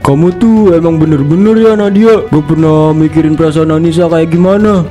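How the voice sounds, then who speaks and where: A man's voice: a little high, fairly quick, warm tone, soft background music, close to an everyday voice. A man voicing a schoolboy and an angry, harsh father in a cartoon parody soap. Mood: scolding. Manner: scolding, harsh. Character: boy Dio, then an angry abusive father.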